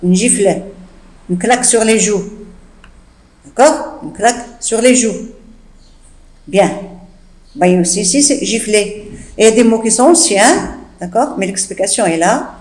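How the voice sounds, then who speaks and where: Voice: medium pitch, normal speed, long pauses, a little mellow. A French teacher patiently explaining a text and its old words to pupils, often checking they follow. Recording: echoey room.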